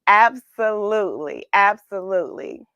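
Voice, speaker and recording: An American woman hosts a children's read-along livestream, greeting viewers, asking them questions, encouraging them, and reading a story. Her medium-pitched voice is sing-song, bright, and forceful at a measured pace. The audio is dull, with no room sound.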